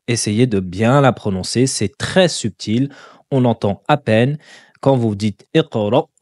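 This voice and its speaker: A man teaching Quran pronunciation step by step, patiently repeating syllables slowly and deliberately. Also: fairly low pitch, dry recording, studio quality.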